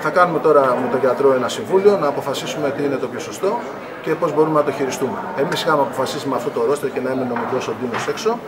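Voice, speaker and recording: Middle-aged man, calm coach after a game. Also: medium pitch. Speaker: national team coach. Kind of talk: post-game press remarks. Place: arena press area in front of a sponsor wall. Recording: noisy arena press area.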